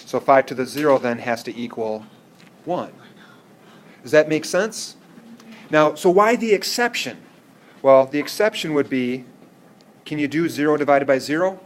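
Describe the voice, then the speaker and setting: A man's voice: a little high, expressive, normal speed, pauses often, a little hiss or hum. A man teaching an algebra class in a classroom, explaining step by step and often checking whether students follow. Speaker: math teacher. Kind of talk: classroom lecture.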